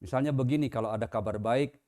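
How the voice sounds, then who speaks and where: A man's voice: medium pitch, fast, dark tone. A man, a pastor, preaching a Sunday sermon in a conversational way, with casual examples. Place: church.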